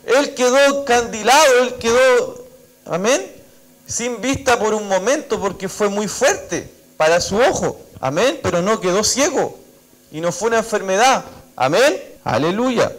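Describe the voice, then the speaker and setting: A Chilean man preaches at a church service in a high, light voice. He reads scripture aloud and acts out the dialogue between the figures, with a steady stream of "amén" between his points. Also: unhurried, poor audio. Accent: Chilean Spanish. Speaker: pastor. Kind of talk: sermon.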